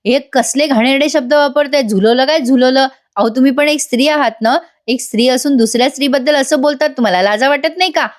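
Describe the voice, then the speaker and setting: A woman's voice: high-pitched, quick pace, hardly any pauses, lightly acted. A woman voicing an angry, proud middle-aged mother-in-law who scolds intrusive reporters. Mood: scolding. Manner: scolding and offended.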